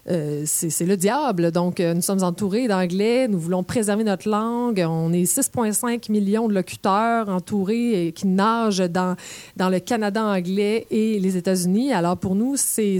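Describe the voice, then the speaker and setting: Québécoise enjouée qui explique. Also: female voice, medium pitch, warm tone, no echo. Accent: Québécois French. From Quebec. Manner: playful, demonstrates sounds with examples. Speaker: presenter. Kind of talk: explanatory talk on language.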